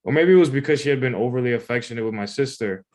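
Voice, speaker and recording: Male writer, medium pitch, reading a personal piece aloud in an informal, conversational manner. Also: racing, a little mellow. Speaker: writer reading own submission.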